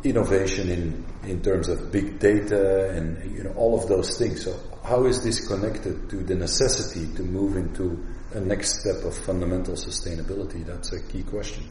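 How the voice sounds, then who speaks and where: A Flemish man with a low, dark voice answers interview questions thoughtfully, pausing and restarting often. He sits some way back from the mic in an office, so the sound is roomy and distant, with faint room noise behind him. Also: steady tone. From Belgium, Flemish part. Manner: thoughtful, halting, many fillers and restarts. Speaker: guest, agency director. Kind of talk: radio interview.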